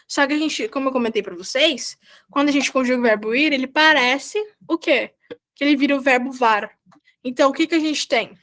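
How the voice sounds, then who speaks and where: A Brazilian woman with a slightly high voice teaches an online language class. She explains patiently and keeps checking in with her students over a video call mic. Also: a little fast, fairly bright tone. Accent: Brazilian Portuguese. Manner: patient, repeats "tá?" to check understanding. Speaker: volunteer Spanish teacher.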